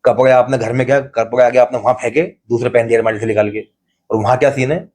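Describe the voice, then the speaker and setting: A man tells stories as a podcast guest, speaking at a quick clip. He is animated and breaks into laughter often. His voice sits at an ordinary middle pitch. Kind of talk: storytelling in casual conversation.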